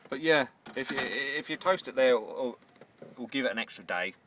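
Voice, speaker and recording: Demonstrating a recipe inside a camper van, a man with a Northern Irish accent, a home baker, chats in an animated, unscripted way at normal speed with a mid-range voice. He tends to hesitate and repeat words as phrases begin. It's recorded from a distant mic with faint noise behind him.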